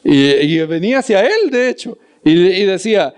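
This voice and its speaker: Male preacher, slightly high voice, lively storyteller who acts out scenes. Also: normal speed, clear, resonant tone. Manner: repeats words for emphasis. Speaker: preacher and Bible teacher. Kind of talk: storytelling sermon.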